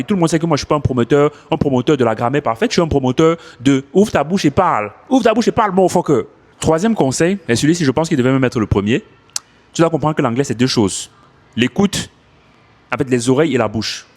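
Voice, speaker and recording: A man coaching French speakers on learning English, talking casually into his phone outdoors and repeating his points for emphasis. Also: mid-range voice. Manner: animated, repeats himself for emphasis. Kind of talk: casual advice vlog.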